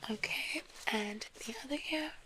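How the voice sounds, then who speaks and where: A South African woman in an ASMR role-play as a gentle, reassuring doctor, speaking softly and very close, right into the ear. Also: on the high side, slight background noise. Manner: gentle, reassuring, unhurried patter of an examiner. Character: polite, reassuring female doctor examining a patient. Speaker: ASMR performer playing a clinic doctor. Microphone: very close microphone.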